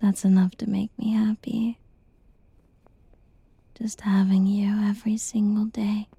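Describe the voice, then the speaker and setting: A woman whispers softly and slowly, her voice very breathy and airy with a gravelly edge of fry. Her tone is deeply mellow and stays within a narrow, even range, soothing and reassuring in an ASMR roleplay. The sound is close and completely dry. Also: no echo. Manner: slow, tender and reassuring.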